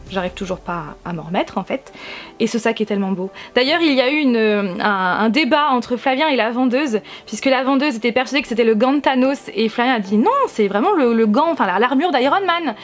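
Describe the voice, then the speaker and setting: Young female vlogger, higher voice, gushing fan energy, restarts a lot, home recording. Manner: enthusiastic, gushing, many restarts. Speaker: YouTube vlogger. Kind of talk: casual haul video chat. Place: warm room at home with a fan running. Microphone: camera-mounted shotgun mic.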